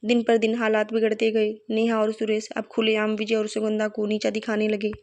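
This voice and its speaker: A woman storyteller in scripted narration of a moral story, with a steady, even reading. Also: medium pitch, fairly quick.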